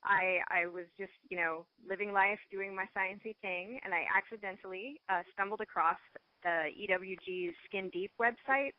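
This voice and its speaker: On a radio interview, a female guest who makes cosmetics and works as a scientist talks over a dull, dry phone line. Her voice sits at medium pitch and moderate pace with no echo, and she's chatty, laughing a lot and restarting sentences.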